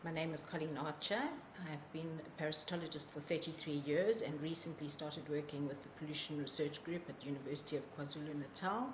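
A middle-aged woman, a parasitologist, speaking in a measured, matter-of-fact way in an interview in a laboratory. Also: low voice, fairly even intonation. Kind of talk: interview statement. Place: laboratory indoors. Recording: echoey lab with hiss.

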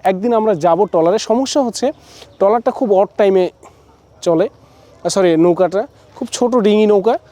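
A man from Bangladesh gives a chatty, casual walking tour in a high but mellow voice. He talks outdoors among forest trees and sprinkles in English words. He stops often to correct himself mid-sentence. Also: no room sound. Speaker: travel vlogger. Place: outdoors at a forest riverside resort.

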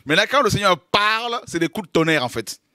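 A man preaching a lively sermon, exclaiming, making dramatic sound effects and laughing between points. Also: high voice, brisk, no room sound, clean studio sound. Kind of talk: animated sermon.

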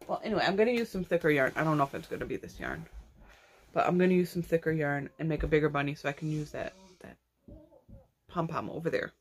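Low-voiced woman chatting about crochet. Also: animated, quick pace, slight background noise. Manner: rambling, restarts often, yawning. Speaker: crochet vlogger. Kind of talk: casual chat.

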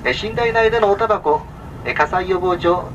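This sleeper train announcement comes from a male conductor with a high-pitched, fairly bright voice, recorded from a distance. He speaks formally and politely, listing items at a measured pace with small filler sounds, over a muffled PA with vehicle noise.

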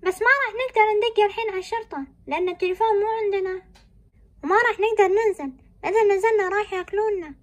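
A woman's voice: very high-pitched, rapid-fire. A woman voicing a frightened young daughter in a family drama, pleading in panic. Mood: anxious.

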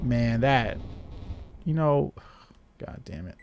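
A man hosts a gaming video with casual, laid-back gameplay commentary and mumbled asides, video game music playing behind him. His mid-range voice is expressive and slow, with vocal fry.

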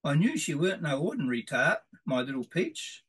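A man's voice: on the high side, big pitch swings, brisk, a bit bright, husky, exaggerated voice, low-quality recording. A man voicing a lovestruck young Australian larrikin bloke who talks in slang with a lilting, besotted manner.

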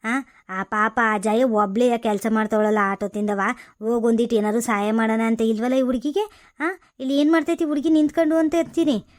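A woman playing a sharp-tongued older village mother-in-law who scolds and nags with sarcasm, in a comedy skit. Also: fairly high pitch, level tone, fairly quick, close to an everyday voice. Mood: scolding.

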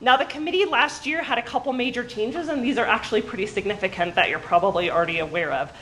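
A woman's voice: a little high, fast, a bit bright, a little hiss or hum, rough recording. A woman giving an informative, friendly presentation to a room of coaches and athletic directors, recorded by a camera at the back of the room. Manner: friendly, informative, with frequent ums. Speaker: state athletic association staff presenter. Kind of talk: meeting presentation. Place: large meeting room with seated audience. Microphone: far camera at back of room.

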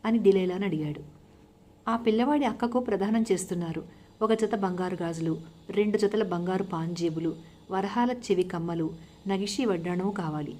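A woman's voice: medium pitch, normal speed, dark tone, a little hiss or hum. A woman narrating a folk tale as a storyteller, giving the characters' lines small shifts of voice.

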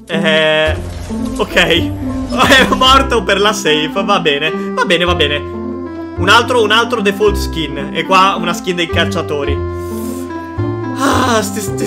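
High-pitched young man holding back laughter. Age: 20s. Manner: trying not to laugh; playful mock sympathy, repeats phrases. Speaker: gaming video host. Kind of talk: casual reaction commentary on game clips. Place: indoor streaming setup.

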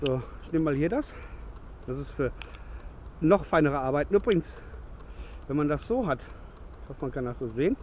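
A man in his thirties rambles cheerfully through a gear demo in the woods as dusk falls, correcting himself along the way. His voice sits somewhat high. He is close to a handheld camera, with faint outdoor noise behind him. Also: expressive, moderate pace, pauses often, darkish tone. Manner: chatty, rambling, self-correcting. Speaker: bushcraft vlogger.

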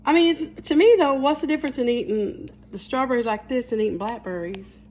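With slight background noise behind her, a middle-aged woman from mountainous Southeast Kentucky runs a live cooking stream in her home kitchen. Her Appalachian-accented voice is high-pitched, a little mellow, and fairly quick. She keeps up a folksy, chatty stream of talk and says "y'all."

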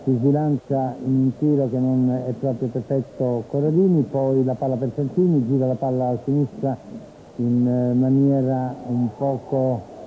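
A man from Italy giving live football play-by-play commentary on television, in a measured, descriptive way with pauses. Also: mid-range voice, fairly even intonation. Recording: tinny phone-like old TV broadcast, noisy stadium. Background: stadium ambience.

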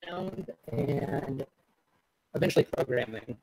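A man's voice: mid-range voice, animated, slow pace, darkish tone. A man introducing himself casually on a stream, his voice coming through as distorted, robotic-sounding call audio. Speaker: team member, sound and programming.

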